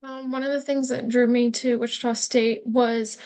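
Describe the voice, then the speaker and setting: Young woman, flat and gravelly. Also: on the high side, normal speed. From Kansas. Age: young adult. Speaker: student ambassador. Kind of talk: casual self-introduction.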